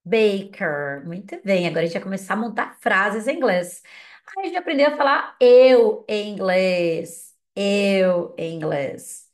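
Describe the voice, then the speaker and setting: A woman whose first language is Portuguese, giving an English lesson, drilling words slowly and patiently with repetition prompts. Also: mid-range voice, lively intonation. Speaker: English teacher.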